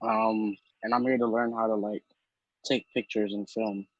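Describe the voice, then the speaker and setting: A man from Brooklyn introducing himself as a student, hesitant and pausing with "um". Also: on the low side, little pitch movement, highs cut off, a little hiss or hum. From Brooklyn, New York. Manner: hesitant, pauses with "um". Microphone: video call.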